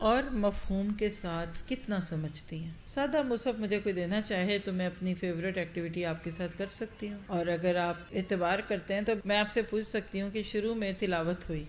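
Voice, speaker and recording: A woman's voice: mid-range voice, lo-fi sound, slight background noise. A woman giving a religious lecture to a large audience. She speaks earnestly and directly, often putting questions to her listeners. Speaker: Quran teacher. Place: large gathering hall.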